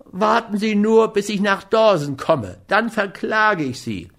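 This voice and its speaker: A man's voice: high-pitched, animated, slow pace, a bit bright, voice pushed up, heavily acted. A man reading an audiobook, voicing a cowardly, whining man who sulks and grumbles. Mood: whiny. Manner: whining, fearful, grudging. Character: whiny cowardly man, sullen dog owner. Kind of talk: audiobook character voice.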